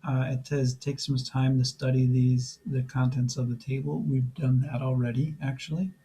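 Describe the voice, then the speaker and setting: A man who is losing his voice, teaching a programming lesson step by step in a relaxed way with frequent fillers. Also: medium pitch, normal speed, breathy edge, low-quality recording. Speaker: programming instructor. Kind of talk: screen-recorded coding tutorial.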